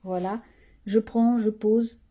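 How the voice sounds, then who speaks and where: Husky-voiced chatty woman showing art supplies. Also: a little high, steady tone, slow pace, mellow. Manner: chatty, rambling, thinks aloud while demonstrating; frank, slangy asides. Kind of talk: casual show-and-tell chat.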